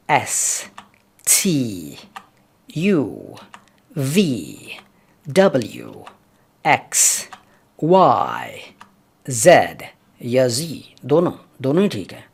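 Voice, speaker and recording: A man teaching English pronunciation, who says each sound slowly and repeats it several times for his learners. He speaks politely and encourages them to listen closely. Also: medium pitch, gravelly, breathy edge. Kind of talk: explanatory language lesson.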